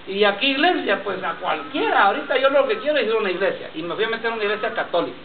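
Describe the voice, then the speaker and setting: Before a church congregation that calls back in response, a man preaches a sermon built on personal testimony, repeating himself and often calling listeners "brother." His high voice is very animated and very fast, heard from far off in a tinny, reverberant lo-fi recording with the crowd audible.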